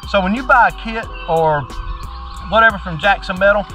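High-voiced middle-aged man teaching outdoors. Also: normal speed, bright, forceful tone, faint music behind. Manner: plain-spoken, explains step by step, addresses viewers directly. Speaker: company presenter. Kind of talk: outdoor how-to demonstration. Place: outdoors by a driveway on a sunny rural property.

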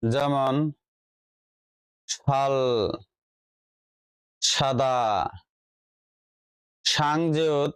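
A man teaching a language lesson, reading out pronunciation rules and examples in a slow, measured dictation. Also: medium pitch, level tone, fairly bright tone, smooth, no room sound, low-quality recording. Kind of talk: scripted lesson narration.

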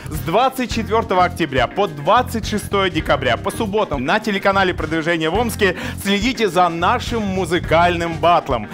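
A man's voice: high voice, expressive, brisk, few pauses. A man in his thirties hosting a music show, announcing showily in the style of a boxing ring announcer. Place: TV studio stage. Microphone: headset.

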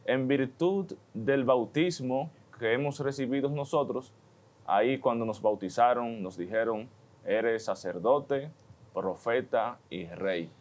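A man's voice: mid-range voice, takes it slowly, darkish tone. A man who speaks for those with a religious vocation on a TV panel. He explains the Gospel in a thoughtful, step-by-step way, often linking his points with "entonces.".

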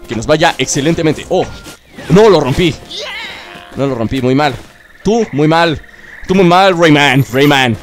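A young man, chatting excitedly as he plays through a video game and cheers himself on. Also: fairly high pitch. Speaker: gaming YouTuber. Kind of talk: let's play commentary. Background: game music.

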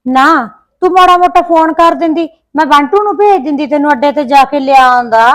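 An actress with a high-pitched voice speaks fairly quickly in a lightly acted village short film. Playing a married daughter with a Punjabi accent, she chats and complains about her mother-in-law.

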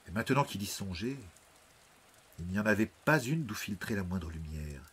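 A man reading an audiobook in measured, dramatic scripted narration. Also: on the low side, expressive, a bit bright, breathy edge.

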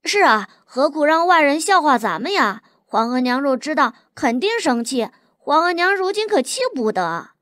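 A woman voicing an eager young male prince who hurries to calm his angry father, in an audiobook. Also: high-pitched, no room sound, studio quality. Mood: placating. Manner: hurried, soothing.

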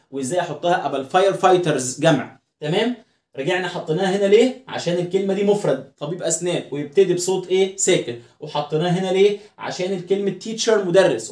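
Brisk Egyptian man teaching in an echoey room. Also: a little high, darkish tone. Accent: Egyptian Arabic. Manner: asks rhetorical questions and answers them himself. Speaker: English teacher. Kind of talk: classroom lesson explanation. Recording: roomy echo.

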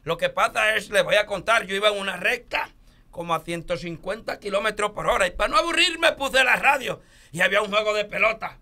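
Very bright, high man telling a joke. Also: brisk. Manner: steady storyteller voicing dialogue. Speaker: comedian telling jokes. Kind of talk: comic skit joke-telling.

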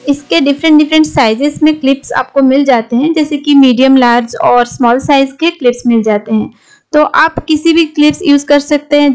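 A woman's voice: high voice, clean tone. A middle-aged woman from India giving friendly kitchen tips in a voice-over, mixing English words into her Hindi. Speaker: home cooking channel host. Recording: soft music bed behind voice-over.

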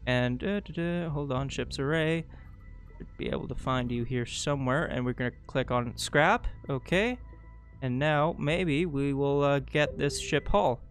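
Man, casual gameplay tutorial, rambling and self-correcting, mid-pitched voice, faint game music behind. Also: measured pace. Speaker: gameplay guide host.

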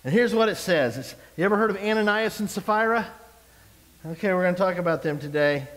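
A man's voice: sits high, expressive, a little fast, a bit bright, in a large hall, low-quality recording. A male pastor giving a sermon, preaching expressively and asking the congregation rhetorical questions.

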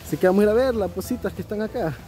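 A man's voice: high voice, racing, warm tone, soft background music. A man with a Salvadoran Spanish accent hosting a casual travel vlog outdoors, chatty and enthusiastic. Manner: chatty, enthusiastic, laughs often. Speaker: vlogger host. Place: outdoor riverside restaurant.

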